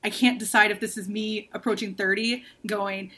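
A woman nearing thirty talks openly in a casual book discussion. She is frank and intense, and her speech is full of "like" fillers. Her voice sits at an everyday middle pitch. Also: fairly even intonation, moderate pace, a bit bright, breathy edge. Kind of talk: casual book-club chat.

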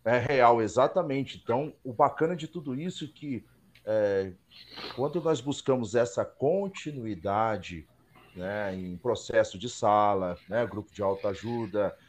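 A male host with a middle-pitched voice talks in a relaxed, conversational way. He reflects as he speaks, often stopping to search for words, and keeps the exchange going with short agreements. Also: measured pace, a little hiss or hum. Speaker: podcast host. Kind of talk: casual chat.

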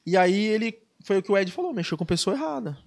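A man's voice: high voice, fast talker, vocal fry. A Brazilian man, a guest surfer on a podcast, telling a story in casual, slangy speech and acting out the dialogue. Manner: animated, slangy, acts out quoted dialogue.

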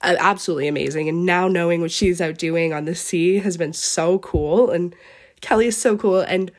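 Sounding sick, a young eastern Canadian podcast host says a heartfelt goodbye on her solo show, talking at length in an earnest, gushing and rambling manner. Her voice is fairly low, and she keeps a moderate pace.

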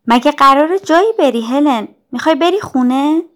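Woman reading as a scared young girl, louder and higher, begging her friend not to go. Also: steady tone, natural voice. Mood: pleading. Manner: raised, urgent and pleading.

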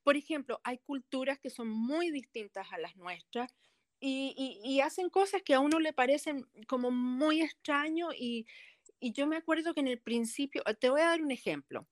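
A woman's voice: high voice, normal speed, no room sound. A woman. She answers in a casual interview, hesitantly feeling for the right words. The sound is dry and close. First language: not a native Spanish speaker. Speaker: interviewee, Airbnb host.

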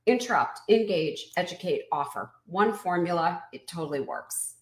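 A woman business coach being interviewed, explaining her method in an energetic, emphatic teaching tone. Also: on the low side, moderate pace, reverberant.

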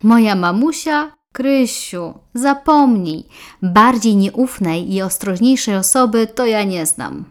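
A woman's voice: medium pitch, lively intonation, slow, a little mellow. A woman voicing an impatient grown son who brushes off worries dismissively.

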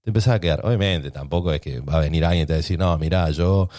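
A man's voice: rumbling low, rapid-fire, darkish tone, dry recording, clean studio sound. A man with a Rioplatense Spanish accent hosting a solo podcast, musing aloud in a provocative, rambling way. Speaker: podcast host. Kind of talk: casual solo podcast monologue.

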